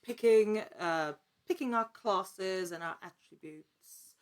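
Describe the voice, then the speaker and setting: As a guest on a podcast, an actor and actual-play storyteller chats casually in a slow, mid-range woman's voice. She comes across as earnest, thinking out loud in broken-up phrases.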